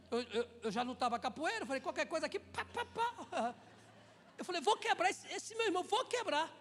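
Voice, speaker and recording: A pastor from Brazil preaching a lively sermon, telling jokey stories and rising to shouted calls. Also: male voice, very high-pitched, big-room sound. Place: church.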